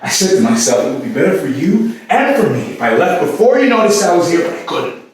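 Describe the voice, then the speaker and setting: In this theatrical staged reading, an actor portrays a man tormented by obsessive love, his high-pitched voice very animated yet haunted and hesitant. The speech breaks off, repeats, and surges abruptly, captured distantly in an echoey room with faint noise.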